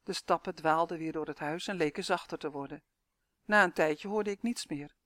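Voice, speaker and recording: Calm, dry storyteller reading aloud. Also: mid-range voice, normal speed, no room sound. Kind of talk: scripted first-person narration.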